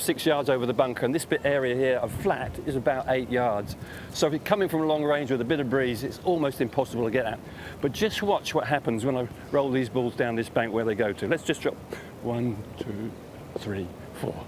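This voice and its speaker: Chatty golf reporter outdoors. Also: male voice, medium pitch. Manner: folksy, chatty, demonstrative. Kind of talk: on-course golf analysis. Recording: outdoor broadcast with steady background noise.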